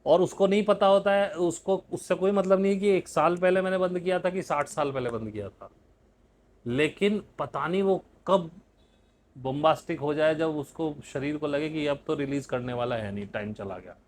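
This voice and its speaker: A man's voice: fairly high pitch, moderate pace, a little hiss or hum. A man hosting a meditation podcast, giving a conversational spiritual talk that mixes in English words and rises with emphasis on key points.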